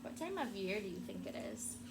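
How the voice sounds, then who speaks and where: A woman who teaches elementary school reads a picture book aloud to her pupils, using deliberate, expressive phrasing and questions to draw them in. She has a mid-range voice, and the classroom audio is very noisy.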